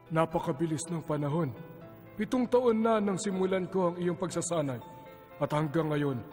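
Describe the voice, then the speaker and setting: An actor dubbing a calm, wise male sword master in a cartoon, speaking in a measured, solemn way. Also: high voice, lightly acted. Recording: cartoon dub with long reverb and soft music.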